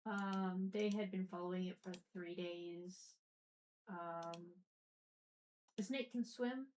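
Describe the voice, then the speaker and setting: A woman playing in a tabletop game who speaks haltingly and earnestly, filling her pauses with "um". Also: fairly low pitch, steady tone, a little mellow, low-quality recording. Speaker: player.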